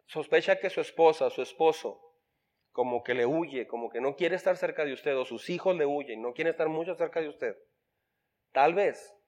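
A man preaching a sermon, telling a story lively and acting out what people say, with fillers. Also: fairly high pitch. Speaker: pastor.

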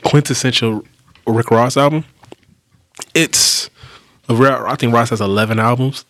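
A man speaks in a deep, low and magnetic voice, very close to the microphone with a dry sound. His delivery is casual and conversational, like a panelist in a music discussion. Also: fairly even intonation, a little slow, a bit bright, dry recording. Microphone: speaking close to the mic.

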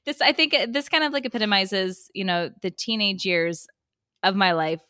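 A woman's voice: medium pitch, animated, normal speed, pushed and bright, smooth, no echo, clean studio sound. Giggly, chatty woman podcast co-host. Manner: chatty, giggly, trails off mid-sentence. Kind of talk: casual chat.

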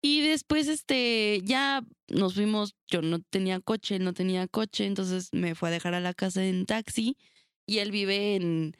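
A woman's voice: medium pitch, unhurried, clean tone, no room sound, studio quality. Blunt, foul-mouthed young Mexican woman. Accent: Mexican Spanish. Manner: blunt, swears freely, animated storytelling. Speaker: podcast co-host. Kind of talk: casual chat.

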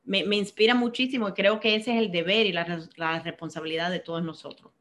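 Quick-paced and fairly low in pitch, this woman speaks with fairly even intonation and a fairly bright tone. She is a middle-aged interview guest who works in finance, was born in Cuba and grew up in Miami, and she replies in an earnest, thoughtful way, frequently repeating words as she reaches for what comes next.

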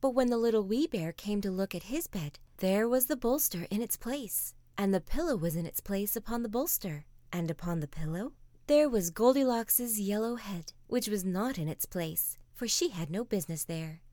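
Soft-spoken woman reading a bedtime story. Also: mid-range voice, lively intonation, normal speed, no echo. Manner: soft-spoken, often dropping to a whisper.

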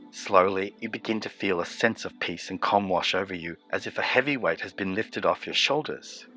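Low-voiced, calm male meditation guide. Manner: slow, soothing, evenly paced instructions.

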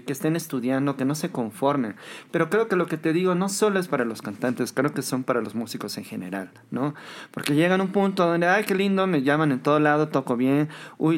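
A man's voice: a little high, very animated, a little fast. A young adult Bolivian man with a Bolivian Spanish accent, a pianist chatting in an interview with frequent tag questions. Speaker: guest musician, pianist. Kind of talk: casual interview talk.

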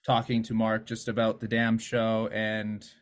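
A man's voice: lowish voice, monotone, a little slow. A man co-hosting a podcast in casual chat, an eager self-described super fan who laughs easily. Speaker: podcast co-host.

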